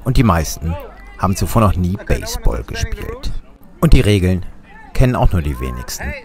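A man's voice: sits low, wildly swooping pitch, moderate pace, darkish tone. A German man narrating a sailing vlog in a wry, dryly humorous voice-over.

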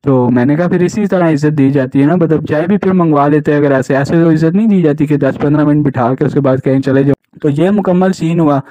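Speaking to camera in a casual first-person way, a young man from Pakistan vents about his experience as a jobs channel host, checking in with "right?" again and again. He's slightly high-pitched, a little fast with few pauses and a dark tone, recorded lo-fi and dull with no room sound.

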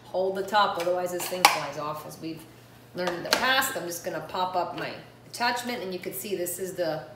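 A woman in her thirties, guest chef in her own kitchen, chats and instructs as she cooks, her lowish voice moving fairly quickly. A camera across the room picks her up from a distance, so she sounds off-mic, with echo and faint noise.

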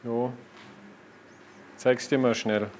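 Calm surgeon, plain clinical explanations. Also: male voice, mid-range voice, extremely slow, a little hiss or hum. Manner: calm, matter-of-fact, reassuring. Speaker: trauma surgeon. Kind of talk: explaining findings to patients and camera. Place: hospital emergency ward.

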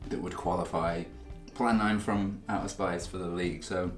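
A man's voice: sits low, steady tone, moderate pace, roomy sound, faint music behind. A man hosting a casual spicy food challenge video, chatting in a self-deprecating way while he eats. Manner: chatty, self-deprecating, talks with mouth full. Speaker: channel host. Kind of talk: casual chat while eating.

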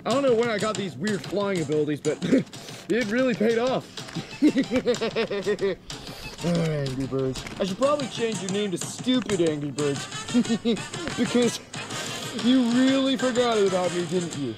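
A man's voice: high voice, lively intonation, a little slow, long pauses, music in the background. A man voicing a smug, gloating impostor pig king who taunts and chuckles in a puppet cartoon.

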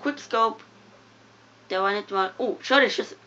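A young woman giving casual, excitable commentary while playing a game, mumbling one moment and yelping the next. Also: medium pitch, unhurried. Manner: excitable, giggly, swings from mumbling to loud yelps. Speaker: gamer. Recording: dull lo-fi home recording with faint noise.

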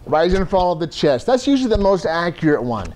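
A man's voice: sits high, very animated, brisk, a little mellow. A man teaching a first aid class to a room, conversational and joking as he explains. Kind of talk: classroom lecture.

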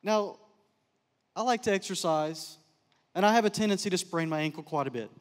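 A middle-aged man telling stories in a chapel talk, animated and joking with the audience. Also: high-pitched, brisk. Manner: animated storyteller, jokes and laughs with the crowd. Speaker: speaker, counselor. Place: large chapel. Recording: long hall reverb.

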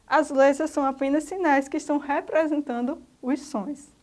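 A woman teacher with a Brazilian accent gives a slow, didactic grammar lesson to children and spells out letters one by one. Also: high-pitched, fairly even intonation. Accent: Brazilian Portuguese.

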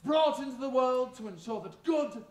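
A man's voice: very high-pitched, lively intonation. A man playing a flamboyant, boastful tooth fairy godmother as a pantomime dame, theatrical and grandiose, with a sinister edge. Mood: grand, exuberant. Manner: theatrical, grandiose, drawn-out delivery. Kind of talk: live stage pantomime monologue with audience banter. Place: large theatre stage, indoors. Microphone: distant camera in the audience. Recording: echoey noisy theatre recorded from the audience.

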